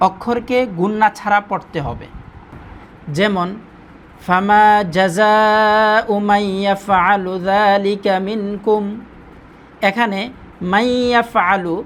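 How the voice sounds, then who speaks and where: A woman giving a scripted lesson on recitation rules, explaining each rule in a measured way. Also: medium pitch, a little hiss or hum. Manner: slow, measured explanation with drawn-out chanted recitation examples. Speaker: Quran recitation teacher. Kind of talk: scripted instructional narration.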